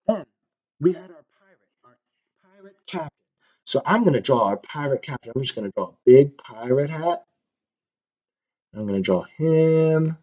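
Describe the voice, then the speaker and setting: Upbeat man teaching kids, lively voice. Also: a little high, moderate pace, long pauses. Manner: upbeat, talks to kids while drawing. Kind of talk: reading a storybook and teaching a lesson. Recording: dull lo-fi sound.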